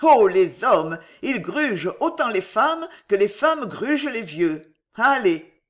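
Une femme qui joue une jeune femme de chambre rusée, volubile et enjôleuse, qui plaide avec aplomb. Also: female voice, on the high side, sing-song, slow. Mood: enjôleur. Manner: voluble, wheedling, theatrical. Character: young cunning female chambermaid, glib and persuasive.

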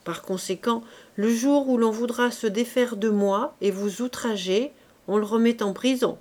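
Casting: a reader doing a calm court lady in an audiobook, measured and fairly high. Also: natural voice. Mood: grave. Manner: measured, cool and direct. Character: composed, shrewd duchess, a calm court lady. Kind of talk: audiobook reading.

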